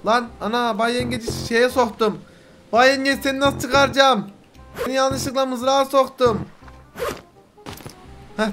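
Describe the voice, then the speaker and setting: A young man giving excitable gameplay commentary, loud and swearing often, breaking into yelps and shouts. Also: high-pitched. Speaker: gaming video host.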